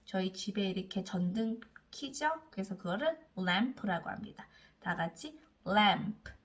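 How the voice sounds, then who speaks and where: A woman teaching English reading, sounding out each letter slowly and coaxing learners to repeat words after her. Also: mid-range voice, lively intonation. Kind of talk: slow phonics lesson for learners.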